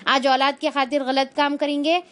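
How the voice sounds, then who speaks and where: Quran teacher woman, higher voice. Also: little pitch movement, fairly bright tone. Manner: explanatory, repeats filler phrases, uses everyday examples. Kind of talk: religious lesson explaining verses.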